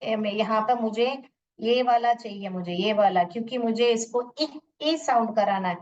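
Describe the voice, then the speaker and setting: A woman teacher explaining syllable division step by step, sounding words out slowly and mixing in English teaching phrases. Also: on the high side, a little mellow. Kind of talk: phonics lesson to parents or teachers. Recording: muffled, distant from the mic.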